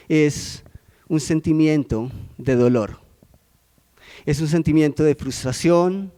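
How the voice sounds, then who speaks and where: Mellow-voiced male preacher. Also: on the high side. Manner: asks the congregation frequent rhetorical questions; checks in with listeners using short prompts. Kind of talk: conversational sermon.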